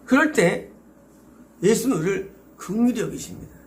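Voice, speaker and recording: A man's voice: sits high, animated, normal speed, a little hiss or hum. A middle-aged man with a Korean accent preaching a sermon as pastor, emphatic and exhorting, with many rhetorical questions.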